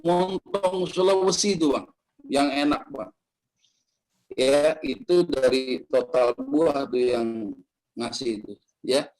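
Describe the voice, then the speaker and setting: A man's voice: medium pitch, slow, long pauses, a little mellow, low-quality recording. A man giving a casual, joking religious talk, acting out the voices he quotes. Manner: joking, acts out quoted voices, laughs often. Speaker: preacher. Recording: online study session.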